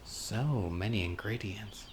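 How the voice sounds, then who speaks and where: This roleplay audio drama features a man with a low voice taking it slowly as a gentle, critically ill young man on a date, eager but secretly obsessive. Anxious and pleased, he speaks softly and hesitantly with whispered mutterings, against noisy outdoor ambience of birdsong, crickets and insects.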